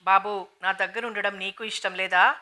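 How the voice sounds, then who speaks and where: A woman voicing a stern, dignified matriarch who speaks in a calm, grave and measured way, in an audiobook novel reading. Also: mid-range voice, natural voice. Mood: tender.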